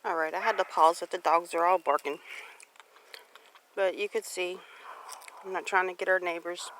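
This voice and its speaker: A homestead vlogger in her forties with a Southern US accent chats casually and unhurriedly while walking her rural property, filming on a handheld camera or phone. Her voice is on the low side, steady, a bit bright, at normal speed. The outdoor recording is noisy with clicks.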